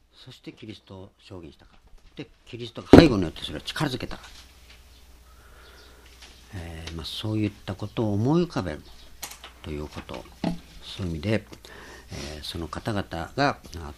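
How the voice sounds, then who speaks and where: A man's voice: deep voice, darkish tone, a little hiss or hum. A man preaching a sermon, explaining earnestly with frequent hesitations.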